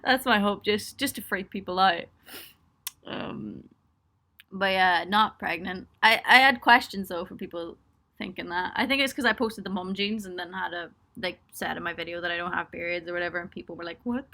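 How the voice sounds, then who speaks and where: Speaking in a fairly low, sharp-toned voice at a normal speed, a young adult musician livestreams on webcam from her small home studio. She answers her supporters' questions casually, peppering her talk with ums, laughs, and jokes at her own expense.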